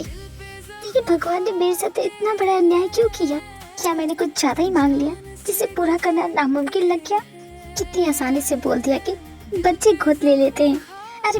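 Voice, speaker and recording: A woman's voice: extremely high pitch, darkish tone. A woman voicing a grieving young wife in a fan audio drama, tearful and pleading.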